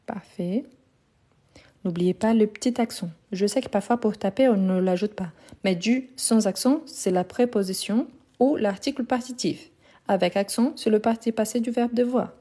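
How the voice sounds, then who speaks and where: A woman teaching a live online lesson on her phone, slowly repeating each verb and confirming her students' answers with patient approval. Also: mid-range voice, dark tone. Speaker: French teacher.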